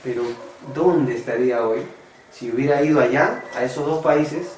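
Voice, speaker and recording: A man's voice: mid-range voice, moderate pace, darkish tone, far from the mic, a little hiss or hum. Earnest preacher man in echoey room. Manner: earnest, confessional, addresses listeners as brothers. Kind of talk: testimony sermon. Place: church meeting room.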